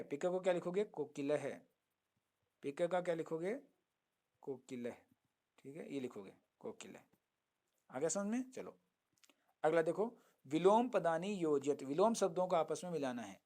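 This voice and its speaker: A man teaching a Sanskrit lesson, chanting verses slowly, then explaining them and answering his own questions. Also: fairly high pitch, animated, a little mellow. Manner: asks students questions and answers them himself. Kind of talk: online lesson.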